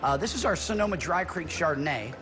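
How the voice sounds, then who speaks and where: A man's voice: on the high side, animated, brisk, over music. A middle-aged man, a winemaker, guiding a tasting in a friendly, explanatory way, recorded indoors in a winery on a lapel mic. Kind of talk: conversational product explanation.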